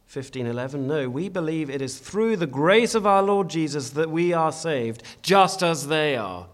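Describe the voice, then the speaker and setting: A man's voice: a little high, expressive, moderate pace. A man preaching a sermon in a church, earnest and emphatic, often restarting his phrases as he exhorts the congregation.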